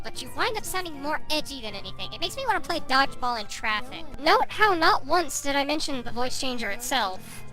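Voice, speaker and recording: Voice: pushed and bright, rough recording. A commentator whose voice runs through a voice changer, answering critics with blunt sarcasm in a commentary video. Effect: voice changer raising the pitch. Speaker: commentary YouTuber. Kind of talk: commentary rebuttal.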